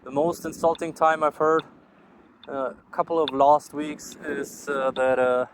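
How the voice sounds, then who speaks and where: This man's fairly high voice stays level and measured as he rambles into his phone on a street walk. A tired vlogger with a German accent, he's candid, swears freely, and puts himself down, with traffic and passing vehicles humming behind him.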